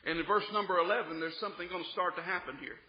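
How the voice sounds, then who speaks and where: A man with a high, ringing voice preaches with fervor, drops into quiet asides, then builds to near-shouting through rhythmic repeated phrases. The recording sounds dull and lo-fi, with the top end muffled, as if taped in a church. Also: fairly even intonation, rapid-fire. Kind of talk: sermon.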